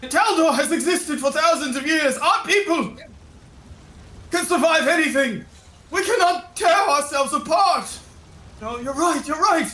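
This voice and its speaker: A man shouting as a fired-up crowd of townsfolk. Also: very high-pitched, animated, measured pace, roomy sound, voice pushed up, full character voice, poor audio. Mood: impassioned. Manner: shouting, pleading.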